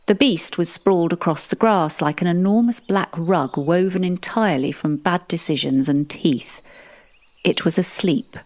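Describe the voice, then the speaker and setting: In a low, darkish voice, a woman narrates a comic audio drama in the first person. She tells it dryly and sardonically, as the narrator living through the events.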